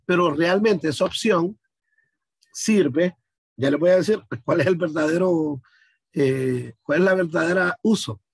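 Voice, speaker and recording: A man's voice: a little high, unhurried, gravelly, breathy edge, dry recording. A man from Honduras teaching an online class over a video call, explaining patiently and speaking directly to his students.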